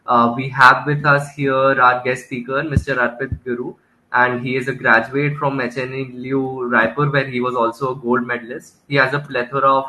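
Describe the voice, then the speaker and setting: A man's voice: medium pitch, sharp tone, poor audio. A man moderating a webinar, introducing the guest speaker formally with hesitant fillers.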